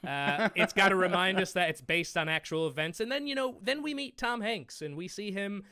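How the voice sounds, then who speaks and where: A man's voice: high voice, normal speed, bright, forceful tone, smooth, no room sound. A man hosting a film quiz, sarcastically recapping a movie trailer in casual chat. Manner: sarcastic, mocking. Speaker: quiz show host.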